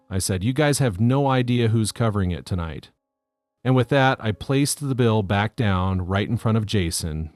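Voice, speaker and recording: A man calmly reading out a first-person story as scripted narration. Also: on the low side, no echo.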